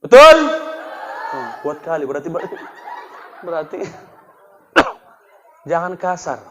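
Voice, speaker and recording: Guy preaching funny sermon, high voice, echoey hall. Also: slow pace, very noisy. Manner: lively, joking, addresses the crowd. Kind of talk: comic sermon.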